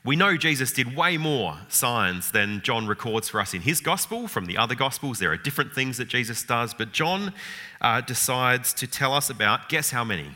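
A Bible teacher delivers an informal, thoughtful lecture full of fillers, restarts and rhetorical questions, his words trailing off in a long hall reverb. His mid-range voice is bright and forceful, expressive, and paced at a normal speed.

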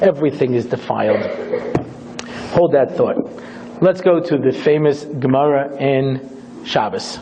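Brief: male rabbi lecturer, dramatic storyteller, high lively husky voice, muffled recording. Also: slight background noise. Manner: dramatic, theatrical, acts out scenes. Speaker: rabbi teaching a class. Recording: dull lo-fi recording.

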